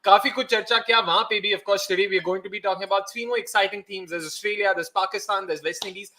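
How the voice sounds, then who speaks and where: A man's voice: high-pitched, steady tone, racing, bright, forceful tone. A man with an Indian accent hosting a casual, chatty sports show, switching between two languages with energy. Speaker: host of a cricket preview show. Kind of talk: casual sports chat, mixing Hindi and English. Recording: roomy echo, faint background noise.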